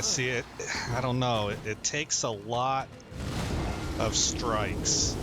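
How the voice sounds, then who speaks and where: A man's voice: lowish voice, background noise. A man hosting a gaming channel, giving rambling, chatty commentary while he plays and laughing at his own stories. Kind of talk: casual game commentary.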